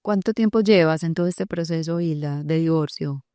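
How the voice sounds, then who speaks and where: Low-voiced woman podcast host. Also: normal speed, warm tone, clean tone, no echo, clean studio sound. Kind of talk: interview.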